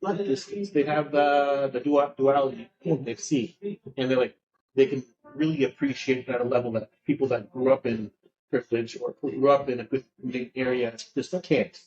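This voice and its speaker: A male podcast host chats loosely, circling his point with fillers and restarts. His voice sits at an ordinary middle pitch, and the recording sounds muffled and lo-fi. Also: fairly even intonation, moderate pace, a crowd in the background. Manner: rambling, full of fillers. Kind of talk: casual podcast conversation.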